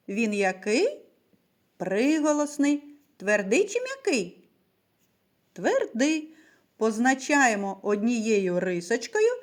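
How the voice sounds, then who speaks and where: A woman teacher giving a recorded lesson to young children, speaking slowly and clearly and answering her own questions. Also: on the high side, a little mellow. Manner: slow, carefully articulated, asks and answers her own questions.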